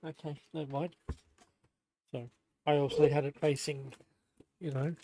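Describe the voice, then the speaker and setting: A man's voice: on the high side, flat delivery, measured pace, mellow. A young man chatting casually while building on a live stream, stumbling as he reads the manual aloud. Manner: chatty, self-deprecating, stumbles over reading. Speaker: livestreamer building a Lego set.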